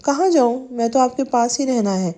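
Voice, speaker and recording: A woman voicing a doting, teasing young husband, in her own mellow voice. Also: very high voice. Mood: affectionate.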